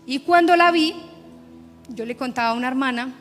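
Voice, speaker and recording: A woman from Colombia preaches with an emphatic, testimonial style, her voice pitched high. She is recorded in a church sanctuary, with a long reverb trailing her words and soft music underneath. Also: normal speed. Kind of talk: sermon.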